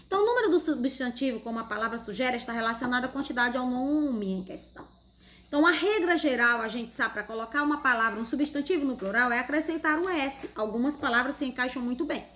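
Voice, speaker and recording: A woman's voice: sits high, animated, quick pace, a bit bright, a little hiss or hum. A woman teaching a grammar lesson to schoolchildren in Brazilian Portuguese, patient, explaining step by step and asking questions. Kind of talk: online grammar lesson for children.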